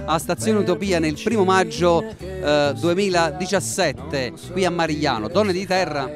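A man's voice: a little high, moderate pace. A man with a southern Italian accent from Campania hosting live community radio, chatting theatrically with slogan-like, sing-song phrases. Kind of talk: live street radio chat with playful sing-song chants. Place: live outdoor broadcast in a town square. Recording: music playing behind the voice.

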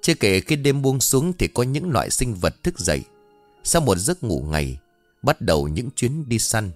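A man narrating a ghost story in an expressive, dramatic reading style. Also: medium pitch, moderate pace, no room sound. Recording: faint background music. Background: soft music.

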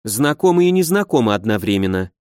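A man reading an audiobook voices a timid young woman who speaks slowly and thoughtfully. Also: lowish voice, very animated, darkish tone, smooth, dry recording, studio quality. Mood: musing. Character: timid, wide-eyed young woman with keen sense of smell.

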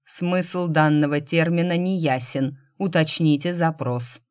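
Booming metallic ship computer in an audiobook, read by a woman: low, loud, monotone, machine-like. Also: slow, clean tone. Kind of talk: audiobook narration.

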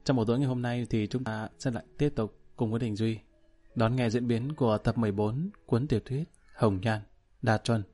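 Guy reading a novel aloud, calm and steady, warm mellow voice, faint music behind. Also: medium pitch, a little fast. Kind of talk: audiobook narration.

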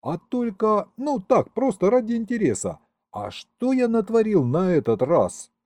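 Man doing an eager flustered young guy, high lively pleading voice, warm, dry recording. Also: measured pace, no room sound.

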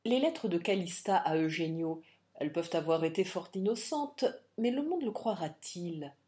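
Woman reading a bold adventurer wooing by threats, audiobook, mellow low voice. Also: lively intonation, normal speed, lightly acted. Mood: impassioned. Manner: impassioned, threatening. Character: bold passionate Irish adventurer gentleman.

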